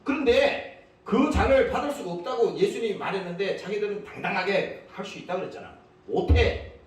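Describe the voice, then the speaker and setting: A man's voice: high voice, a little fast. A man preaching a sermon as pastor, emphatic and prodding his congregation with repeated questions. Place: church. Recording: echoey church hall, mic at a distance.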